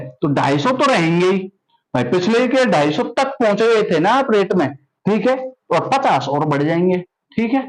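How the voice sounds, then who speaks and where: A young man with a high voice gives a maths lesson. He keeps asking his students questions, repeats them, and then answers himself in a steady classroom rhythm. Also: poor audio. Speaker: maths teacher.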